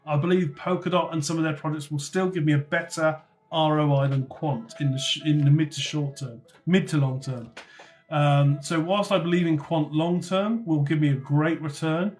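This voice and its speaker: A man's voice: a little high, fairly even intonation, normal speed, darkish tone. A man from North Somerset, casually chatting on a livestream and answering viewer comments. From North Somerset, England. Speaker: livestream host.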